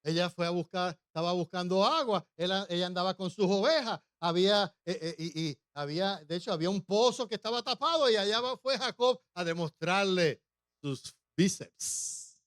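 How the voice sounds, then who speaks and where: A man's voice: sits high, normal speed, a bit bright, clean tone, no echo, clean studio sound. A male pastor preaching a humorous sermon, often putting questions to the congregation.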